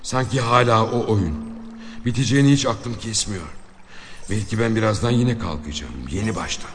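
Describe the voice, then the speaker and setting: A man voicing a defiant, wry outlaw man who has been shot, speaking in a low, subdued inner monologue. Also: normal speed, long reverb tail, soft background music, lightly acted. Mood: dazed, wry.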